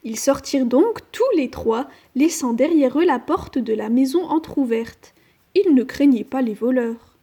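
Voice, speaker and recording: A woman reading a children's fairy tale aloud with gentle, expressive narration. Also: high-pitched, measured pace, slightly rough. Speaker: storyteller.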